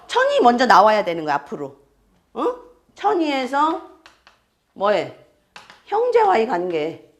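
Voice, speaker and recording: Lively, questioning woman lecturer. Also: on the high side. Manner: keeps checking students with quick questions; explains step by step and repeats key terms. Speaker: fortune-telling astrology teacher. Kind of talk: classroom lecture.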